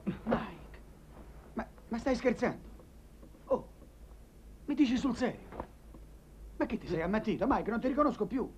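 A chatty, cajoling Italian friend. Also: male voice, extremely high pitch, expressive, measured pace, long pauses. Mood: soothing. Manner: talkative, cajoling, ironic. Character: chatty Italian man in Milan, comforting old friend. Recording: dull 1980s film soundtrack, faint hiss.

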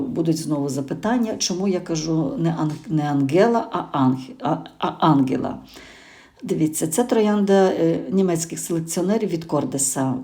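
A woman's voice: low voice, mellow. A middle-aged woman from Ukraine, hosting a gardening channel and chatting casually with hesitations and self-corrections. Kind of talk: casual spoken garden review.

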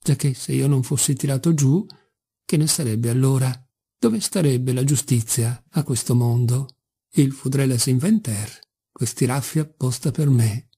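A man reading as a drunken old father, husky. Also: medium pitch, normal speed, mellow. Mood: mocking. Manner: rambling, mocking, and wheedling. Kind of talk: audiobook character reading.

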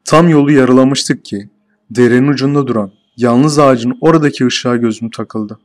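Man narrating a first-person horror story. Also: medium pitch. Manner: steady, measured storytelling.

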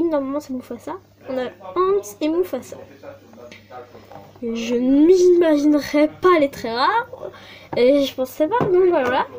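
With a high, mellow voice, a young woman unboxes toys indoors at her home desk. She's a vlogger chatting casually, hesitating often and filling her talk with fillers and apologies.

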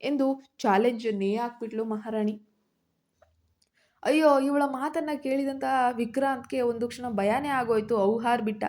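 A woman storyteller narrating a dramatic family story in an expressive way. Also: fairly high pitch, moderate pace.

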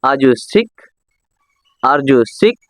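A man with a Tamil accent teaching simple English sentences, saying each one slowly twice so learners can repeat. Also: medium pitch, animated, no room sound. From South India. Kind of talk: slow, deliberate English lesson with repetition. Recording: dull lo-fi sound.

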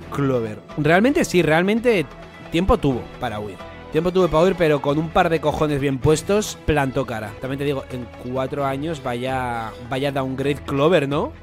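A young man with a Spain Spanish accent reading a manga chapter aloud and reacting to it, excitable, swearing freely and bursting into shouts. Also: fairly high pitch. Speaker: anime reaction host. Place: home, floor above construction work.

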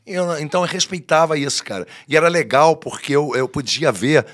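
A man with a slightly high, brisk voice appears as a podcast guest in the studio, swapping stories casually. He brings them to life with animation, performing the voices of those he quotes.

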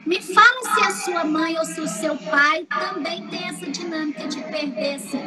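A Brazilian woman, a family constellation therapist, teaching through lively stories and repeating phrases for emphasis. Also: very high voice, moderate pace, over loud music, poor audio. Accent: Brazilian Portuguese. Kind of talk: teaching talk with anecdotes.

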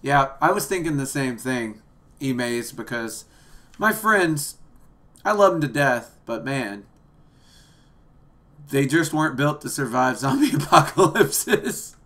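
A man's voice: mid-range voice, lively intonation, slow pace, long pauses, a bit bright. A man in his thirties chatting casually and playfully as he streams a game, rambling along in a small room. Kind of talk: casual livestream chat while playing a game. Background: video game music.

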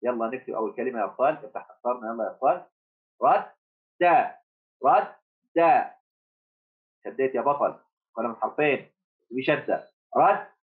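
A man teaching first graders online, encouraging the class, repeating words slowly and asking them questions. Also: mid-range voice. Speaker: primary school teacher. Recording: tinny phone-like audio.

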